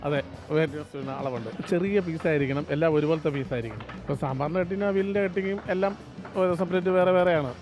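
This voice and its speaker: A man's voice: on the high side, very fast, darkish tone, soft background music. A man with a Kerala Malayali accent giving informal interview answers as a kitchen worker.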